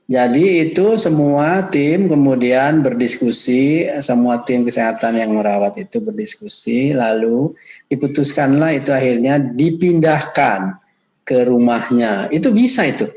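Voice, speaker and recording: A man's voice: medium pitch, darkish tone, low-quality recording. A man lecturing students in an unscripted, spoken-off-the-cuff manner, addressing them politely. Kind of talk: online lecture.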